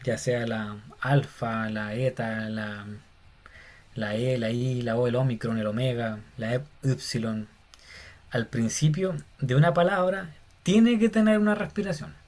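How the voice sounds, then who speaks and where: A man's voice: mid-range voice, a little slow, darkish tone. Casual male Bible Greek teacher. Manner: casual, addresses listeners as "hermano", many fillers. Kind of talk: informal lecture.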